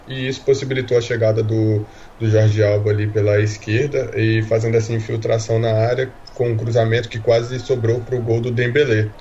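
A man's voice: medium pitch, level tone, fairly quick, hardly any pauses, warm tone. A man with a Brazilian accent giving tactical football analysis as a commentary-team analyst. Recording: dull lo-fi audio with faint noise.

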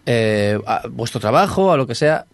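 A man co-hosting a podcast, explaining everyday online scams earnestly and deliberately. He pauses on fillers as he builds his point. His voice is mid-pitched and recorded dry. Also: expressive, no room sound. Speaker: podcast co-host. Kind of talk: casual chat.

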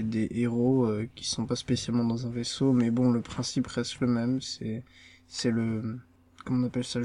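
A man's voice: medium pitch, darkish tone. A man as guest in a casual podcast discussion, rambling as he corrects the host.

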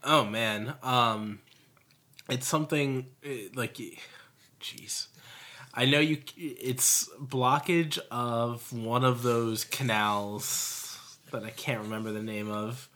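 A man's voice: medium pitch, fairly even intonation, takes it slowly, sharp tone. A man, a medical resident, presenting a case in a practice oral exam, hesitating often and restarting his sentences as he thinks. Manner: hesitant, lots of ums and restarts under pressure.

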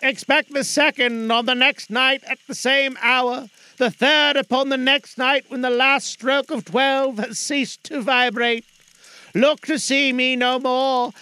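A man's voice: very high-pitched, pushed and bright, smooth, pitched above the performer's own voice, full character voice, low-quality recording. A man voicing a mournful, chained old male ghost who speaks in a solemn, declamatory way.

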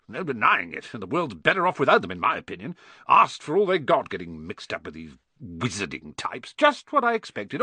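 A man's voice: mid-range voice, sharp tone, slightly rough, dry recording, exaggerated voice. A man voicing a scornful, blustering middle-aged uncle who snarls his words in an audiobook. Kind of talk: audiobook character voice.

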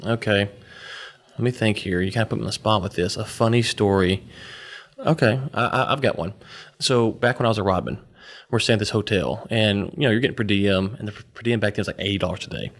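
A man's voice: lowish voice, fairly quick. Male podcast guest, casual storyteller, rambling with filler words. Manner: rambling, full of "you know" fillers.

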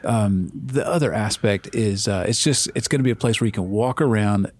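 A man's voice: fairly low pitch, normal speed, slightly rough. Earnest male kids ministry leader. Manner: earnest, anecdotal, with many fillers and restarts. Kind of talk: conversational interview.

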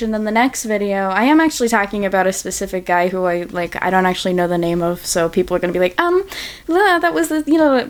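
A woman guest on a podcast, chatting casually, often laughing and making sarcastic asides. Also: medium pitch. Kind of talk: casual chat.

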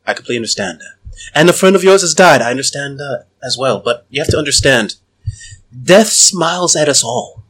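A man voicing a calm male tea server devoted to dragons, speaking slowly and persuasively. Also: medium pitch, slightly rough. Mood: solemn. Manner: calm, slow, hypnotic persuasion.

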